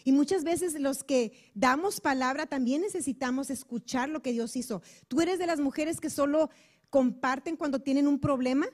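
A woman's voice: sits high, normal speed. A woman preaching to a women's group on a handheld mic, earnest and chatty, acting out little everyday dialogues. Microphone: handheld microphone.

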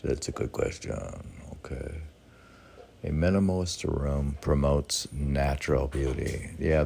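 An older man with an extremely deep, gravelly yet warm voice muses casually, sharing short poems. A poet and meditation teacher, he rambles, often posing questions and answering them himself. Faint background noise and clicks sit under the recording.

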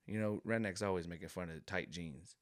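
A man spinning a comic story with a lowish voice, wandering off on slangy tangents and talking straight to the listener. His delivery is animated and loose. The sound is dry and close, with no room echo. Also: brisk. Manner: animated, rambling, slangy asides. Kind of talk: comedic storytelling monologue.

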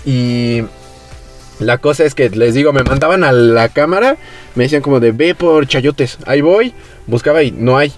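A young man with a Mexican Spanish accent, hosting a podcast and telling a story in relaxed, slangy chat, acting out the voices of people he quotes. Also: mid-range voice, moderate pace, faint music behind. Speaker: podcast host.

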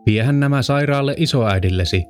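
A man voicing a caring mother giving gentle instructions in a storybook reading. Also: mid-range voice, faint music behind, voice pushed up, natural voice. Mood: instructing. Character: caring mother of a little girl.

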